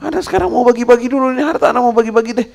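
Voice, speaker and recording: Guy putting on a whiny dying rich old man, high and gravelly, talks in a rush. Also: very fast, darkish tone. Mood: pleading.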